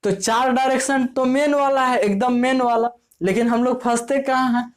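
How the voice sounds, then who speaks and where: Woman, teacher, casual explaining, keeps checking understanding, fairly high voice. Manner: repeats "ठीक है" often, asks and answers own questions.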